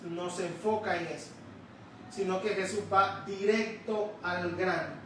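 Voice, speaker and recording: A man's voice: sits high, steady tone, a bit bright. Male preacher in a church, takes his time, leans hard on words, far off mic, faint hiss. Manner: slow, emphatic, drawing out key words. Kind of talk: sermon. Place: church sanctuary. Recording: echoey church hall, distant mic.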